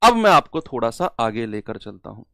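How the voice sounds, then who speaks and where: A male maths teacher giving an online class lecture, slowly repeating key terms and asking and answering his own questions. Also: mid-range voice, very animated, gravelly, a bit bright, no echo, studio quality.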